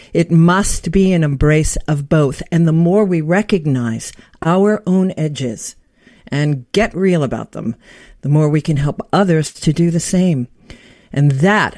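A woman's voice: sits low, darkish tone, no room sound, clean studio sound. A woman hosting an interview show, introducing her guest in an earnest, heartfelt way with small restarts. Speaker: podcast host.

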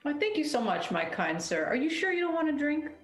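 A woman's voice: sits high, sing-song, fairly quick, soft background music, voice pushed up. A woman playing a charming young rogue. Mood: flattering. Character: smooth-talking young male rogue. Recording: roomy echo.

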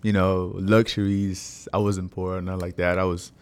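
A man's voice: deep voice, normal speed, smooth. A man in his twenties from Honduras, a podcast guest talking casually and loosely with lots of fillers. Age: 20s. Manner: relaxed slangy talk with many fillers. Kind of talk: casual interview chat.

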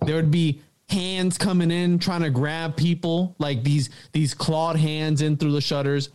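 A man from Puerto Rico co-hosting a podcast, telling stories in an animated, slangy way. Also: fairly high pitch, unhurried, clear, resonant tone. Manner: animated storyteller, slangy, says bro and dude. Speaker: podcast co-host. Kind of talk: casual podcast chat.

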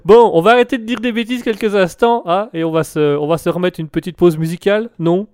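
A man's voice: sits high, fast talker, a little mellow, clear, resonant tone, no room sound, clean studio sound. A man hosting a casual show, joking playfully and often breaking into laughter. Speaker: show host.

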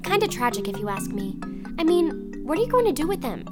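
A woman's voice: high voice, very animated, brisk. A woman playing a bold, sarcastic teenage girl who teases in a family audio drama. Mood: teasing. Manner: sassy, sarcastic. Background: music.

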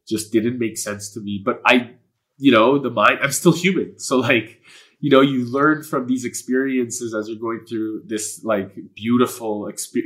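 A Canadian guest with a low, earnest voice and a fairly bright tone talks candidly about personal matters in an interview; Polish is his first language. He tends to ramble in an earnest, spiritual manner, with frequent fillers and curses.

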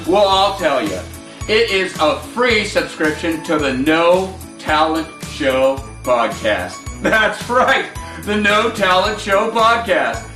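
Casting: a grandfatherly Santa, lively swooping delivery, roomy distant recording with jingly music behind. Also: sits high, slow, heavily acted. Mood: jolly, warm. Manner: jolly, folksy, chuckling ho-ho delivery. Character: jolly old Santa Claus, grandfatherly and generous. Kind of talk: scripted podcast promo in character.

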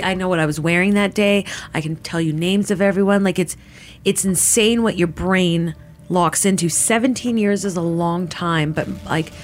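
Canadian woman in her 30s telling what happened, rambly with lots of likes, soft music under it. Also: on the low side. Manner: casual, full of "like" fillers, quotes herself. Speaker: interviewee. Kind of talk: personal testimony.

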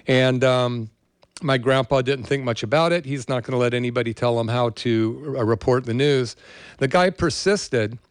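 This older host from California, USA, speaks at a normal speed in a casual, meandering monologue that slips into stories from his own life. His voice is clear and smooth, mid-pitched, and captured dry without echo or much room sound.

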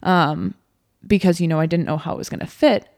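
A woman's voice: on the low side, a little fast, creaky, a little mellow, no room sound, clean studio sound. A young woman co-hosting a podcast, telling a story in a chatty, rambling way. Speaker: podcast co-host. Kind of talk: casual chat.

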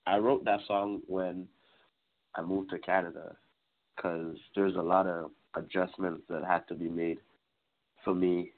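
A young man in his twenties from Trinidad and Tobago, talking casually as a musician guest in an interview, relaxed and rambling. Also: low voice, a little slow. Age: 20s. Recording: tinny phone-like line.

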